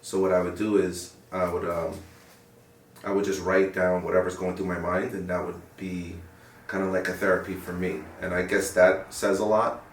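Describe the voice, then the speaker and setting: Low-voiced young guy in an interview, thoughtful and earnest, kinda far from the mic, echoey room. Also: level tone, moderate pace, slight background noise. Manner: earnest, reflective, searching for words. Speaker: interviewee, paramedic. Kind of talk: sit-down interview. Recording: roomy sound from a distant mic.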